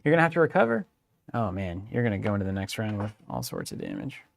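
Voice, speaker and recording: A man's voice: lowish voice, huge pitch swings, fast talker, creaky, dry recording, clean studio sound. A young man co-hosting a card game live stream, narrating each play like a playful sports commentator. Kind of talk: casual playthrough banter with mock commentary. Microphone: studio microphone.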